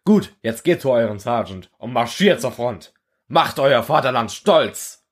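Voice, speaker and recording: A man voicing an army recruiter who addresses a crowd in a booming, slow, declamatory way. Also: lively intonation. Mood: rousing.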